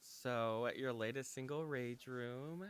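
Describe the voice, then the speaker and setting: A man's voice: medium pitch, slow pace, clear, resonant tone. A man hosting a casual interview, upbeat and enthusiastic with slangy reactions. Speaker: podcast host.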